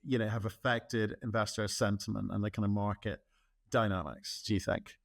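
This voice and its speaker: A man with a lowish, gravelly voice hosts an interview. He chats loosely and circles around his questions before he lands them. The recording is dry and close. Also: steady tone, moderate pace, no room sound. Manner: chatty, rambling questions with restarts. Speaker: interview host. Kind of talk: casual interview talk.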